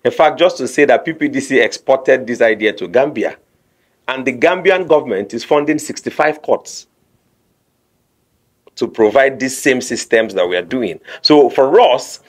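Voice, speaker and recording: A man speaks as a radio guest at a middle pitch. He lays out a court technology program point by point and colors it with animated courtroom stories. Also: normal speed. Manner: explanatory, mixes in lively courtroom anecdotes. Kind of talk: radio interview explanation.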